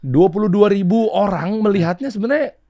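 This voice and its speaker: A man's voice: high voice, animated, fairly quick, warm tone, no room sound. A man, hosting a podcast and asking his guest playful, teasing questions. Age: 30s. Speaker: podcast host. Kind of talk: casual interview chat. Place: podcast studio.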